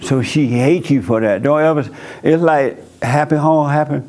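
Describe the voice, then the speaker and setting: Hosting a counseling session at church, a man with a dialect talks bluntly and preachily to the congregation, frequently laughing at what he says. He speaks at normal speed in a fairly high voice with a darkish tone.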